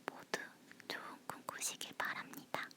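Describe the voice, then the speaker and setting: Speaking at a normal speed, a woman whispers gently and breathily, without voicing, for a casual ASMR-style chat. She leans in near the phone recording her.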